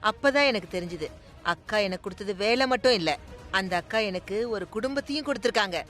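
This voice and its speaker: Woman dubbing a blunt, accusing woman, bright voice, sarcastic, soft music behind, TV serial. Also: mid-range voice, expressive, fast talker, natural voice. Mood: earnest. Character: fierce, outspoken woman confronting a schemer. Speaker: household member, once a maid. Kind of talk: dubbed TV serial acting.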